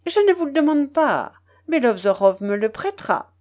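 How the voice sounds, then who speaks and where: A woman's voice: a little high, big pitch swings, normal speed, a little mellow, pitched above the performer's own voice. A woman voicing a haughty, teasing young princess in an audiobook, with a mocking, imperious manner. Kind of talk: audiobook character voice.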